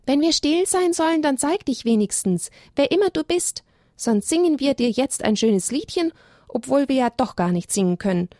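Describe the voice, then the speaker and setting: A woman's voice: fairly high pitch, big pitch swings, moderate pace, slightly rough, no room sound, studio quality, pitched above the performer's own voice, exaggerated voice. A woman voicing a bold, cheeky young male animal in a children's story. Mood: bold, calling out. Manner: cheeky, loud-spoken.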